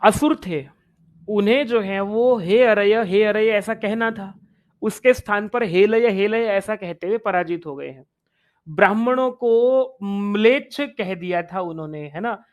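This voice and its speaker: A man's voice: high voice, measured pace. A man teaching Sanskrit in an online exam-prep lecture. He explains step by step, repeats phrases and chants Sanskrit verses.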